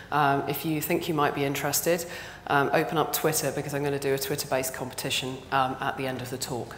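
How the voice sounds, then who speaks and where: A British woman with a very deep, hoarse, honking voice, as if losing it to a cold, gives a conference talk. She speaks conversationally and haltingly. The sound is echoey, from a big hall with some background noise. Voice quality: hoarse, honking half-lost voice. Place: large indoor conference hall stage.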